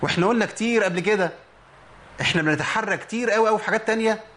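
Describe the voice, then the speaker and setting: A middle-aged man with an Egyptian Arabic accent teaching tajweed, explaining rules and then stretching out example words slowly. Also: high voice, a bit bright. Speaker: Quran recitation teacher. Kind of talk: tajweed lesson with recited examples.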